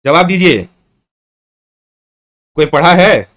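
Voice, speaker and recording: A man's voice: a little high, expressive, slow, a bit bright. A man teaching a live online exam-prep class, repeating questions and coaxing his students to answer. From Chhattisgarh, India.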